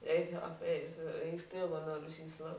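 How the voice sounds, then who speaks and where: Casting: animated Southern US woman, low-ish voice, off-mic in a roomy echo. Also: brisk, far from the mic. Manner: animated, laughing, acts out quotes. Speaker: podcast co-host. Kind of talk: casual chat. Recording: echoey room, off-mic.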